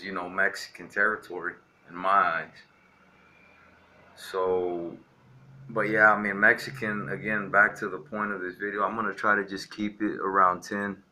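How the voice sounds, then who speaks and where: A low, sharp-toned male voice with slight background noise belongs to a young vlogger from Texas, who rants defiantly and rambles to camera with plenty of "you know" fillers.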